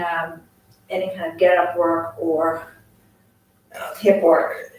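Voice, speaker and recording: A woman with a Maine accent talks a group through exercises in a chatty, easygoing style. Her voice sits at a medium pitch and comes from a distance in a very reverberant space, with faint noise behind it. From Maine, USA. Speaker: morning workout instructor. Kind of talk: casual exercise class instruction.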